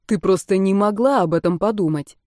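A woman reading the part of a calm male doctor who soothes and reassures his sister. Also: medium pitch, fairly quick, no echo, studio quality, lightly acted. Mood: soothing. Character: calm caring male doctor, protective older brother.

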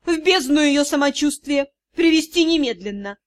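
A woman's voice: sits high, animated, normal speed. A woman voicing a commanding, hissing noble matriarch. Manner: commanding, clipped orders. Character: imperious hissing noble mother-in-law, domineering and fierce. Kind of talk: audiobook character voice.

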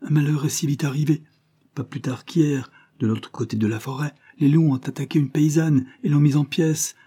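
A man's voice: on the high side, steady tone, normal speed, dark tone, breathy edge, voice pushed up. A man reading an audiobook, voicing a worried old coachman who pleads anxiously.

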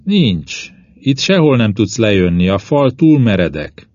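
A man reading an audiobook, voicing an injured male explorer who calmly reassures and gives careful directions. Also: lowish voice, no room sound. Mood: instructing. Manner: reassuring, explains directions patiently. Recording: dull lo-fi dry audiobook recording.

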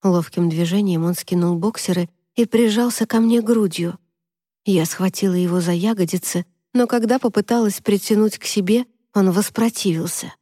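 A woman reading a first-person story aloud in steady, measured scripted narration on a close mic. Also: medium pitch, no echo. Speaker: audiobook narrator.

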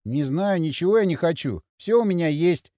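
A man's voice: fairly high pitch, lively intonation, moderate pace, mellow, dry recording, clean studio sound, lightly acted. A man voicing a timid, plump young man who mumbles and frets nervously.

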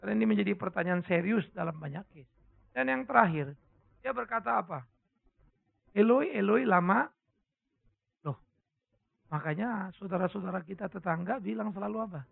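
A man preaching a sermon, asking the congregation questions and breaking into sudden loud cries. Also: high voice, quick pace, vocal fry. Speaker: pastor. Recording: tinny phone-like lo-fi sermon recording.

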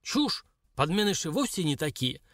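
A man's voice: fairly high pitch, sing-song, normal speed, a bit bright, no room sound, clean studio sound, pitched above the performer's own voice. A man reading an audiobook, voicing a stern, cold old woman shaman who questions curtly. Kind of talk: audiobook character voice.

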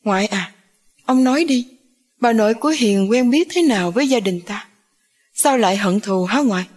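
A woman's voice: a little high, lively intonation, quick pace, a little mellow, husky. A woman voicing an earnest young man who asks with urgent, anxious pleading. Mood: worried, pleading.

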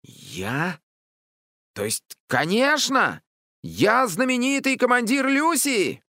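A man voicing an excitable, boastful young boy who calls himself commander, loud and eager. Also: extremely high pitch, takes it slowly, no room sound, studio quality, pitched above the performer's own voice, exaggerated voice.

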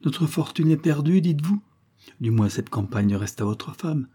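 A man's voice: fairly high pitch, lively intonation, normal speed, dark tone, husky, pitched above the performer's own voice. A man reading aloud, voicing a devoted, trusting young woman with a raised voice in a spoken storybook. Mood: gentle, reassuring. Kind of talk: audiobook character reading.

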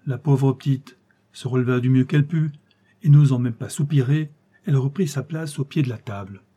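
Male audiobook narrator, steady, expressive, mellow, husky. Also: medium pitch, normal speed. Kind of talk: dramatic audiobook reading.

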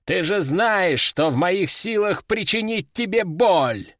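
Man voicing a commanding old sorcerer-master, barking orders in a storybook; lively pitch, dry sound. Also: slow, no echo, full character voice. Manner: commanding and threatening. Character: stern old male sorcerer teacher, domineering. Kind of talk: audiobook character voice.

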